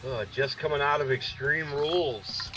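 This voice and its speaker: A man's voice: on the high side, normal speed, music in the background, low-quality recording. A man co-hosting a wrestling video game stream, chatting with enthusiastic fan talk. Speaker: co-host and player. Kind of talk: casual gaming commentary.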